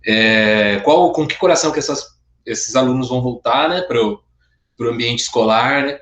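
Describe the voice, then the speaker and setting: A man who is a father, speaking gently and reflectively in a casual online church discussion. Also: medium pitch, normal speed, reverberant, slight background noise. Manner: gentle, reflective, hesitant restarts. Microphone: video call.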